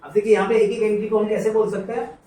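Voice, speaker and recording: In an echoey room with a distant mic and faint noise, a man lectures an accounting class. His voice is high, dark in tone and fast, with little pitch movement. He drills students to repeat entries and scolds them in a familiar, coaxing way.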